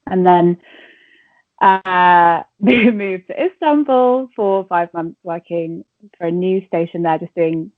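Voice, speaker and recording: A Welsh woman in her twenties with an English accent, a radio presenter and entertainment reporter, gives casual interview answers full of fillers and laughter. Her voice sits on the low side and she speaks slowly. The dry recording has a tinny, phone-line quality.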